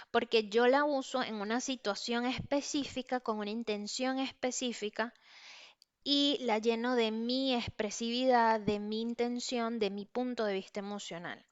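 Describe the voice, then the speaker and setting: A woman lectures in a smooth, clear voice that sits a little high. She explains ideas step by step, pausing on fillers and checking that her listeners are following. The sound is slightly muffled and lo-fi. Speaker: teacher. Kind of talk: online lecture.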